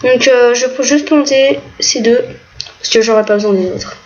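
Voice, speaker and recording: High-voiced woman rambling over gameplay. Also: normal speed, darkish tone. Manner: hesitant, rambling, many fillers. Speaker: gaming video creator. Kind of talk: casual gameplay commentary. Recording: muffled lo-fi mic, faint noise, keyboard clicks.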